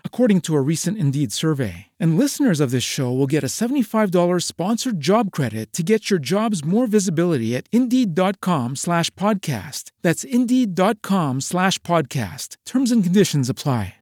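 Lively man reading an ad. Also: normal speed, few pauses, no echo, studio quality. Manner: upbeat sales pitch. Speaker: ad announcer. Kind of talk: scripted ad read.

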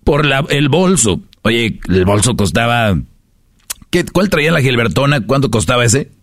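A man's voice: medium pitch, lively intonation, normal speed, dry recording, clean studio sound. A man with a Mexican Spanish accent hosting a casual podcast, lecturing his listeners with rhetorical questions. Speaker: podcast host.

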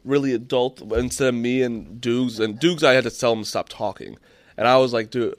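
A man's voice: mid-range voice, a little fast, dry recording. A young man hosting a casual chat, telling a story in a rambling way and swearing freely. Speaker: podcast host.

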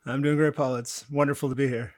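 A man co-hosting a casual podcast, upbeat and quick to joke. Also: medium pitch, little pitch movement. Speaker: podcast co-host. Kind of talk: casual group chat.

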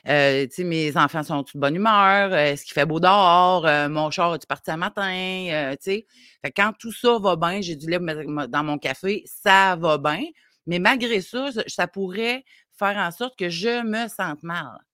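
A woman with a Quebec French accent, a parenting coach on morning radio, a bit hoarse, explaining her ideas in a reflective, step-by-step way. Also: lowish voice, normal speed, sharp tone, dry recording, clean studio sound. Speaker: parenting coach, regular guest. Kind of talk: casual radio chat.

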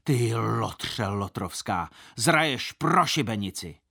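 A man's voice: mid-range voice, lively intonation, a bit bright, natural voice. A man voicing a grumpy older male busybody who scolds and threatens the boys. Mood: scolding.

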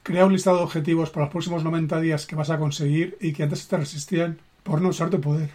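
Earnest Spanish-man, slightly high voice. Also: fairly even intonation, warm tone. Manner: earnest, emphatic, with deliberate slow phrasing. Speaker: personal development coach. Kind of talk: motivational live stream talk.

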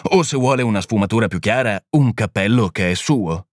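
A man reading the part of a small, gentle priest-detective who explains things calmly and patiently. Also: lowish voice, fairly quick, no room sound, studio quality, close to an everyday voice. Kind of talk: audiobook reading.

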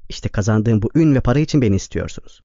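A man's voice: on the low side, animated, quick pace, warm tone, dry recording, muffled recording. A man voicing a cold bitter young writer. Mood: brooding. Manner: cold, impatient, brooding.

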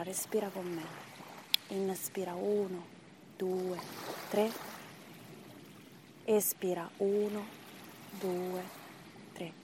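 A medium-pitched woman leads listeners through breathing meditation as their instructor, giving short measured phrases and counts with pauses in between, over a noisy background.

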